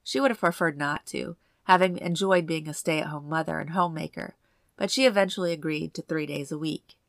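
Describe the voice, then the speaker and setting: Woman narrating suspenseful true crime, slightly creaky. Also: sits low, no echo, clean studio sound. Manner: measured, suspenseful storytelling.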